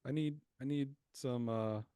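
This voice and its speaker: A man's voice: medium pitch, unhurried, mellow, smooth, dry recording, clean studio sound. A man co-hosting a podcast, joking through casual crude banter and laughing often. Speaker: podcast co-host.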